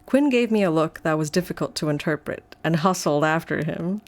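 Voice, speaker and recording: A woman reading a sci-fi novel aloud on a live stream, her voice sitting a little low. She moves easily between steady narration and chatty, rambling asides full of "like". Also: a little fast.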